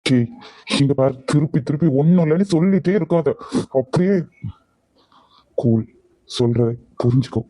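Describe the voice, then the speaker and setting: A loving but short-tempered young husband from an animated drama, voiced by a man who presses and scolds when he gets no answers. His voice is very dark and mellow, pitched a little high for a man. It sounds dry and close, with no room around it. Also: normal speed, pauses often, no room sound, natural voice, poor audio. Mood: angry. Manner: scolding, pushy questioning. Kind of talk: dramatic cartoon voice acting.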